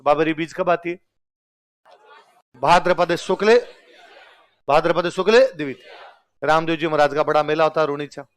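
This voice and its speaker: A man's voice: a little high, steady tone, normal speed, long pauses, clear, resonant tone. A man teaching a lesson, repeatedly asking questions and answering them himself. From Rajasthan. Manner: quizzes listeners with call-and-response questions. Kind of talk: exam-prep lecture.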